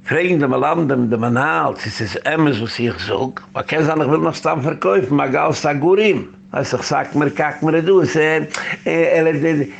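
A man's voice: a little high, normal speed, creaky, a little hiss or hum. A man who is a rabbi, giving a rambling community lecture that tells stories and drops in English phrases. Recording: dull lo-fi recording.

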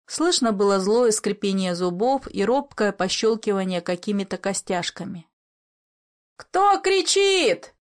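A woman narrating a classic story aloud with measured, expressive storytelling. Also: mid-range voice. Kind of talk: reading classic literature aloud.

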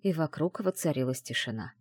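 A woman narrating a first-person fantasy story in an expressive storytelling manner. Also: low-pitched, fairly quick, breathy edge, no echo. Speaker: audiobook narrator.

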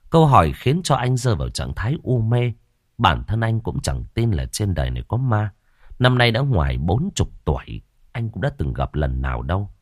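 Male horror narrator, lowish voice, very animated. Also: no room sound, clean studio sound. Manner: dramatic, expressive.

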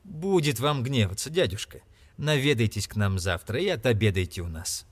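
A cheerful, earnest young man, as voiced by a male audiobook reader, speaks with eager warmth and a lively, moving pitch. His voice sits a little above the reader's own, sincere and hopeful. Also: normal speed, lightly acted. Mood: coaxing. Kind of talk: audiobook character reading.

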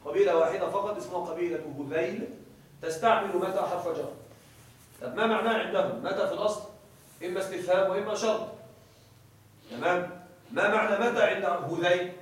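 High-voiced male teacher in an echoey hall. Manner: checks often that listeners follow; reads a passage aloud, then explains it. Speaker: grammar teacher. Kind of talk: classroom lecture explaining a grammar text. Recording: very echoey room, voice from far off the mic.

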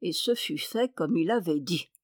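A woman's voice: fairly low pitch, normal speed, dry recording, clean studio sound. Woman reading a fairy tale aloud. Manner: lively expressive reading. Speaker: storyteller.

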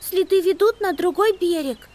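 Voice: expressive, moderate pace. A reader voicing a small, curious girl mouse who worries easily, in an audiobook. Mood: worried. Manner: squeaky, high, worried. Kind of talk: audiobook character voice.

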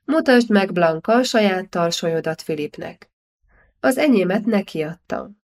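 A woman's voice: mid-range voice, lively intonation, darkish tone, close to an everyday voice. A woman voicing a scheming, passionate young medieval princess in an audiobook, teasing and self-assured.

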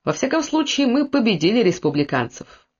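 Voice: medium pitch, sing-song, fairly quick, husky, pitched above the performer's own voice. A reader doing a loyal old Breton servant. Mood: reassuring. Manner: earnest, reassuring. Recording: dull lo-fi audiobook recording.

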